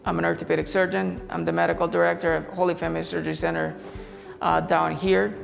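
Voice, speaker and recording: A man from Honduras speaks earnestly in a heartfelt video address as a surgeon, his voice rough and gravelly and set a little high. Soft music plays under him, and a long reverb trails his words. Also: little pitch movement, fast talker. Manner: earnest, with fillers. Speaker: orthopedic surgeon.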